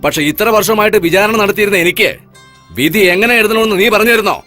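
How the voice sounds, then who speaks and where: A stern, short-tempered magistrate father in a dubbed film. He scolds quickly in a bright, sharp tone. A music bed sits beneath the dialogue. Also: high voice. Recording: film dub with music behind.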